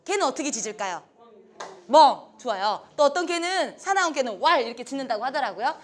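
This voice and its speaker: Bright, high-voiced woman leading a class. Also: sing-song, fast talker. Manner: upbeat and encouraging, guides a group step by step. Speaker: instructor leading a training class. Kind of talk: classroom instruction with a group game. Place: lecture room with adjustable lights.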